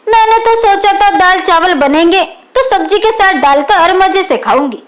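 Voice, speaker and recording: A woman reading as a sharp young sister-in-law. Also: extremely high pitch, animated, moderate pace. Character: clever young sister-in-law, mock-scolding.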